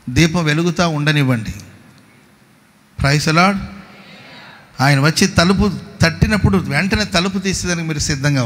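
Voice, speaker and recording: A man's voice: fairly high pitch, bright, forceful tone, long reverb tail. A man preaching a fervent sermon as pastor at a worship service, often calling out praise and asking the congregation questions.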